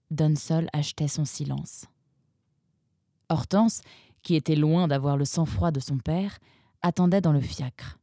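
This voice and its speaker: A woman reads a storybook in a calm, even manner. Her voice sits fairly low, and the recording is dry and close. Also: dry recording. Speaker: narrator. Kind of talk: scripted storybook narration.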